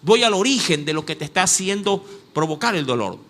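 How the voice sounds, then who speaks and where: A man's voice: high voice, animated, fairly quick, fairly bright tone. A man voicing God as a firm, fatherly figure, speaking in a reasoning tone.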